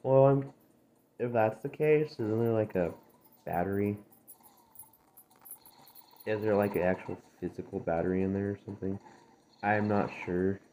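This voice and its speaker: Just awake, a man hosting his gaming channel chats over gameplay in a dry, gravelly, mellow voice on the low side, unhurried and pausing often. He rambles, drifts between topics and corrects himself, captured by tinny, phone-like screen-recorder audio with faint noise.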